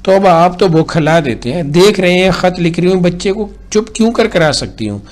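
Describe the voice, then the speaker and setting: Man acting as a housewife, shrill, high-pitched, scolding, flustered. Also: lively intonation. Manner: shrill, scolding, quick to snap. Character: scolding harried middle-aged housewife.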